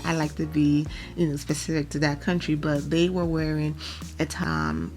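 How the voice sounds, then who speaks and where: A woman's voice: deep voice, vocal fry. A young woman from Liberia, hosting a casual, opinionated recap vlog and laughing often. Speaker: vlog host reviewing a reality show.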